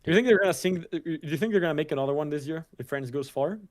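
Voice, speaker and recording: A man's voice: fairly high pitch, racing. A young man co-commentating a card game livestream in a casual, slangy way, often stumbling and restarting.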